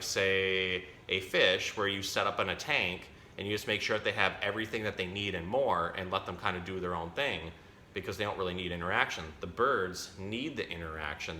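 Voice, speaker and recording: Deep-voiced, bright and forceful, a zookeeper chats casually with children during an animal storytime. He breaks ideas down simply and catches his own mistakes mid-explanation. The recording sounds echoey, with faint noise underneath.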